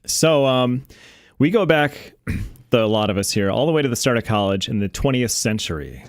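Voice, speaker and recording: A man's voice: medium pitch, lively intonation, moderate pace, no room sound. A man in his forties co-hosting a casual podcast, chatty and laughing often while he tells stories. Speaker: co-host.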